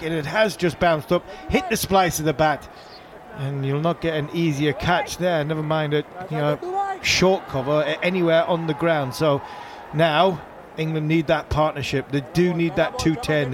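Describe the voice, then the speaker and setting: A man giving analytical cricket commentary, explaining the play and repeating points for emphasis. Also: on the high side. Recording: noisy outdoor broadcast. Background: stadium background noise.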